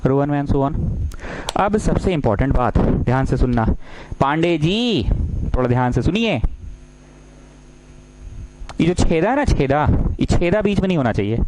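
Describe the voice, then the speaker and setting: A man's voice: fairly high pitch, big pitch swings, moderate pace, long pauses, a little mellow, slight background noise, low-quality recording. A man teaching math in a lecture, playful and full of questions, acting out little dialogues. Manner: playful, acts out little dialogues, keeps asking students questions. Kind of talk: classroom-style lecture.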